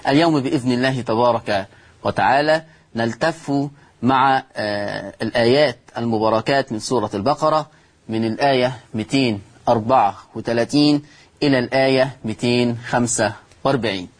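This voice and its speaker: Male Quran teacher, middle-aged, Egyptian accent, TV lesson, drawn-out demonstrations. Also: mid-range voice. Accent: Egyptian Arabic. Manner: stretches out words slowly to show how they are pronounced. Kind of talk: televised religious lesson.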